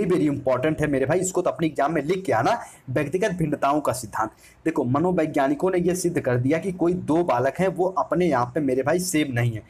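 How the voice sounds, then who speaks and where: A man's voice: a little high, a little mellow, husky. A man teaching an exam-prep lecture, explaining each point by restating it and calling his listeners "my brother".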